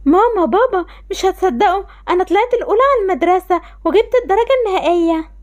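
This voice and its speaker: A woman's voice: extremely high pitch, lively intonation, very fast, darkish tone. A woman voicing a sad, tearful young girl, Lamar. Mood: pleading. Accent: Egyptian Arabic. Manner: tearful, pleading. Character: sad young girl, rejected by her family. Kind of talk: voiced game-animation story.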